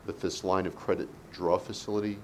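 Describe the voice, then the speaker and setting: A man speaking as a board member in a meeting, thinking aloud and haltingly as he questions a presenter. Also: little pitch movement, a little mellow, poor audio. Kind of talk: meeting discussion. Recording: low background noise in a meeting.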